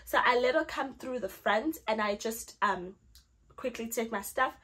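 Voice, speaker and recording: A young South African woman, a Zulu speaker, tells a storytime vlog story, animated and acting out her own lines. Her slightly high voice is husky and moves at a moderate pace.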